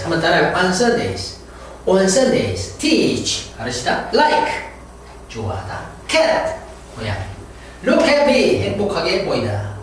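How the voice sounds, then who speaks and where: Lively man teaching English pronunciation. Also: fairly high pitch, far from the mic. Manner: lively, repeats words slowly for students to copy. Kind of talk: classroom lecture with pronunciation drills. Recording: echoey room, voice from afar, faint hiss.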